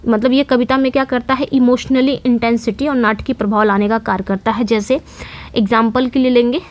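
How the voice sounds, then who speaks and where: A woman's voice: a little high, fairly even intonation, a little fast. A woman teaching English literature terms in an online lecture, repeating key points and answering her own questions. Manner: explanatory, repetitive, asks and answers own questions.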